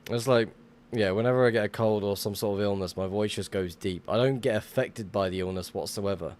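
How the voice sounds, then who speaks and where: In a laid-back gaming livestream, a young man says hi to his viewers, wandering from topic to topic and cursing at times. His voice sits on the low side with a darkish tone, and his pace is fairly quick.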